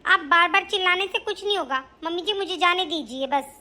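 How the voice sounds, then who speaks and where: Cartoon role: sharp-tongued young daughter-in-law, very high voice, played by a woman. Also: fairly quick. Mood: defiant. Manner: defiant, sharp. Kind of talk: animated cartoon dub.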